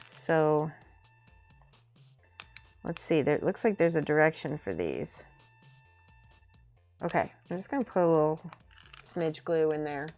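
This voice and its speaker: A woman with a slightly low voice talks casually to her live-stream viewers while she works with her hands. She thinks aloud in loose, informal remarks, often half muttering to herself. Music plays softly behind her. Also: unhurried, pauses often. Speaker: streamer building and painting miniature models.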